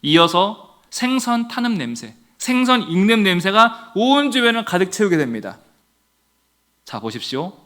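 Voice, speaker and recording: Bright, lively-voiced male pastor preaching. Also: high voice. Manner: earnest preaching with rhetorical questions and direct address to the congregation. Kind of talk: sermon.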